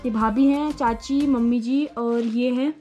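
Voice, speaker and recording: Her voice a little high and dark in tone, a young woman from the Uttarakhand hills walks through her wedding photos, playful and teasing. She's a vlogger and the bride, speaking a little slowly with fairly even intonation while faint music plays behind her.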